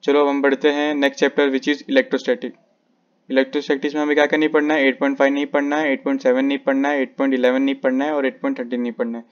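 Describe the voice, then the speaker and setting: Man giving flat, repetitive syllabus directions. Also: mid-range voice, very fast, muffled recording. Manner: repetitive, instructive, page-by-page directions. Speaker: physics teacher. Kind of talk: syllabus walkthrough lesson.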